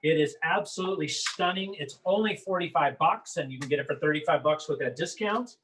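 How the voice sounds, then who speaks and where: A man's voice: a little high, brisk, fairly bright tone, rough recording. A man talking as a wine book author, enthusiastic and prone to repeating words as he starts sentences. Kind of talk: promotional chat.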